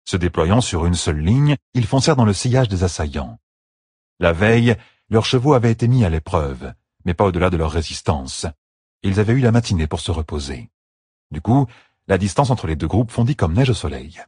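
A man narrating a fantasy battle audiobook with steady, dramatic storytelling. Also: sits low, a little fast, slightly rough, no echo, clean studio sound.

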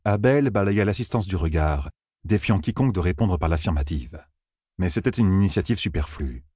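A man narrating an audiobook with a lively, expressive reading and a slightly husky voice. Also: low voice, normal speed, no echo, clean studio sound. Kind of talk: scripted narration.

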